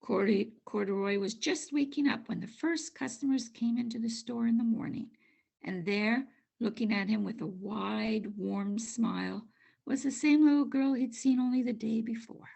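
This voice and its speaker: An older woman narrating a children's storybook aloud in an expressive, measured way. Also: a little high, creaky. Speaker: storybook reader.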